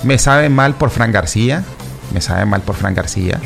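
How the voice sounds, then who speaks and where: With faint music in the background, a gravelly, fairly low male voice speaks at a moderate pace but with animation. This football commentator shares casual opinions with his regular listeners, calling them "chicos," in a rambling style packed with fillers, restarts, and repetition.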